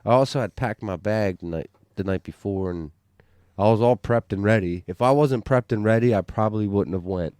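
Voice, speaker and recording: A bowhunter chatting on a hunting podcast rambles through a story with plenty of fillers and false starts. He speaks fairly quickly in a fairly low, darkish voice, recorded clean in the studio with no room sound.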